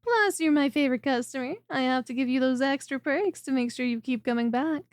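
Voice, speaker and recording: This voice performer plays a lamia chiropractor for an ASMR roleplay, using her natural voice, high and very dry, recorded close up with no echo or room sound. Her fairly quick delivery is soft, attentive, clingy and coaxing, with some teasing, and she sounds pleased and welcoming.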